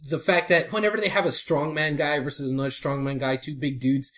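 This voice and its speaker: A man co-hosting a casual podcast, talking fast and laughing a lot as he teases his partner. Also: fairly high pitch. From Houston area. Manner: animated, laughs a lot, teasing. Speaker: podcast co-host.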